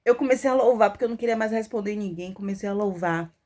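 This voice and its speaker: Woman, emotional personal testimony, lively storytelling voice. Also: mid-range voice, quick pace. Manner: emotional, animated storytelling with acted quotes. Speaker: mother telling her testimony.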